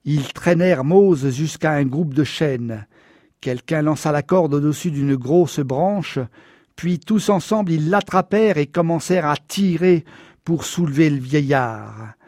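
Brief: a male audiobook narrator, somber and measured, somewhat high-pitched, dry close recording. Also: a little mellow, no room sound. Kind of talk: scripted first-person narration.

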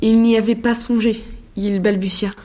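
A woman's voice: a little high, level tone, mellow. Woman narrating a classic story. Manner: measured, storytelling. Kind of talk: scripted narration.

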